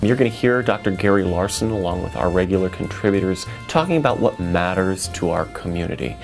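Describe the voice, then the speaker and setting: A man's voice: low voice, lively intonation, fairly quick, soft background music. An older man, a radio show host, describing his program in an earnest, explanatory way in a radio studio. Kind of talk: promotional talk. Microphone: studio microphone with headphones.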